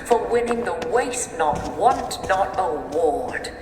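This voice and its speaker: A woman voicing a formal public address announcer in a video game, heard over a factory loudspeaker. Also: mid-range voice, big pitch swings, slow pace, noisy background. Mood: cheerful. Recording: echoey loudspeaker in a hall, game music behind.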